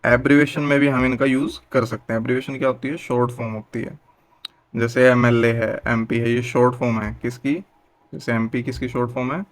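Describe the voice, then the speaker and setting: A man's voice: mid-range voice, level tone, brisk. A young adult man teaching a grammar lesson, patient, asking questions and answering them himself.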